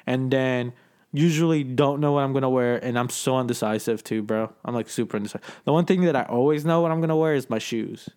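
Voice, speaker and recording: A man's voice: medium pitch, fast talker, darkish tone, clear, resonant tone. A young man co-hosting a casual podcast chat, rambling and peppering his talk with dude and bro. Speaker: podcast co-host.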